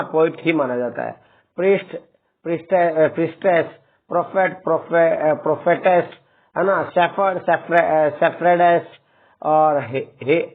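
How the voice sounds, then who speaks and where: A man teaching English grammar in a classroom lesson, speaking to students as children and often adding a checking tag to his words. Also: a little high. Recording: tinny, phone-like lo-fi sound.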